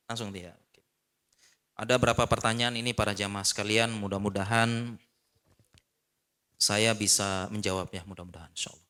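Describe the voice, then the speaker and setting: Animated bright-voiced male preacher. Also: fairly low pitch. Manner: animated, repeats short refusals, addresses the congregation. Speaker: Islamic preacher. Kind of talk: mosque lecture with Q&A. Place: mosque.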